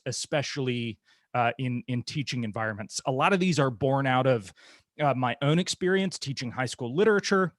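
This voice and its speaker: A man's voice: medium pitch, no echo, clean studio sound. A man guiding an online poetry workshop in a chatty, self-deprecating way, full of fillers and restarts, speaking into a computer mic. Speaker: guest presenter, poetry teacher. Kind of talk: casual online workshop talk.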